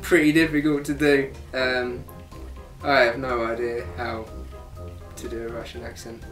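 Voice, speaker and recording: Ein Darsteller erzählt trocken und tonlos von seiner Rolle. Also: male voice, mid-range voice, flat delivery, a little slow, fairly bright tone, soft background music. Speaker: cast member. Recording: distant mic in echoey room.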